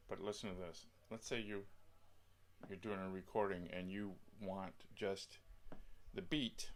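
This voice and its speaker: Low-voiced man rambling through a tutorial. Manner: rambling, thinking aloud with many pauses and restarts. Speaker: music software tutorial presenter. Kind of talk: casual screen-share tutorial.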